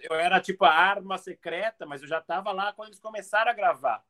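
Speaking quickly in a notably high voice, a man appears as a guest in a casual interview. He's from outside Brazil and tells anecdotes in an animated, conversational style, like a comedian among peers.

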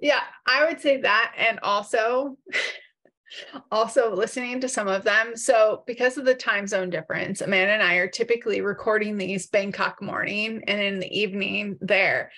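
A woman's voice: medium pitch, fairly even intonation, moderate pace, pushed and bright. A woman co-hosting a podcast in casual chat, talkative and self-teasing, laughing easily, with a groggy morning voice. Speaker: podcast co-host.

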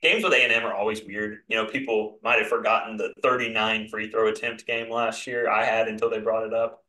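A man hosting a sports podcast, talking emphatically and getting into animated rants. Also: lowish voice, brisk. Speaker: podcast host. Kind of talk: casual sports chat. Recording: roomy echo.

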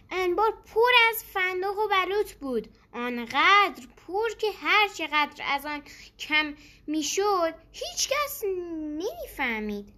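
A woman narrating a children's story in a gentle, expressive way. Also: high voice.

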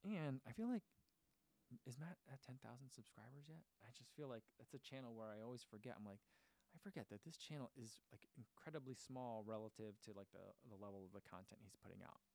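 A man with a mid-range voice hosts a running channel in a casual livestream chat, reading viewer comments aloud. He talks briskly with vocal fry and a slightly mellow tone, rambling with lots of fillers and restarts.

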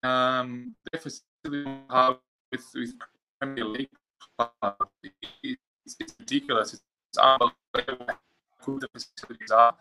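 A man talks as a guest in an interview over a video call with a failing connection, and his voice keeps dropping away. His tone is gravelly with a bit of fry. He restarts words often while he gathers his thoughts. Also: mid-range voice, lively intonation, unhurried, bright, forceful tone, soft background music, poor audio. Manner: repeats words while he searches for them. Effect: voice dropping out on a bad call connection.

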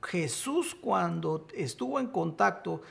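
A man's voice: high voice, expressive, takes it slowly, gravelly. A man preaching and teaching from the Bible, emphatic, rising to exclamations. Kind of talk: sermon-style Bible teaching.

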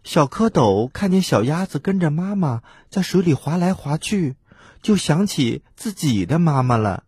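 A man with a husky voice narrating a children's story in an expressive, lilting way. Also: on the high side, moderate pace, no echo, clean studio sound.

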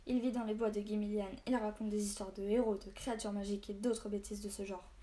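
Mocking village cobbler man, as a woman reads him, dismissive, mellow warm voice. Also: medium pitch, level tone, fast talker, slight background noise, lightly acted. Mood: scornful.

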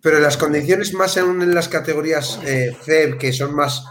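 A man co-hosting a casual interview, chatty and quick to laugh between his points. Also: fairly high pitch, fairly bright tone, slight background noise. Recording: roomy echo.

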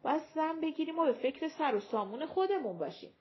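A woman's voice: high voice, expressive, lo-fi sound, voice pushed up. A woman voicing a young woman who argues with herself in her thoughts, chatty and scheming. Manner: chatty, self-arguing inner monologue.

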